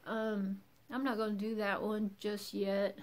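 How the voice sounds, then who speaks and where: A woman's voice: mid-range voice, level tone, a little slow, a little mellow. A woman vlogger talking casually in a subdued morning voice, teary and emotional. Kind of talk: casual vlog talk.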